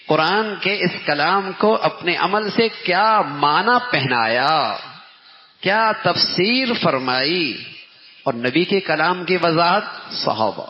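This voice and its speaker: A man giving a Ramadan sermon lecture as a religious teacher, emphatic and repeating phrases for stress, recorded in a mosque hall. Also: a little high. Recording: dull lo-fi sound with long hall reverb.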